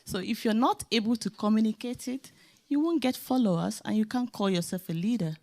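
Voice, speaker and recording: A woman's voice: a little high, animated, brisk, mellow. A woman with a Nigerian accent, a leadership specialist speaking emphatically on a conference panel. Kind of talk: panel discussion remarks.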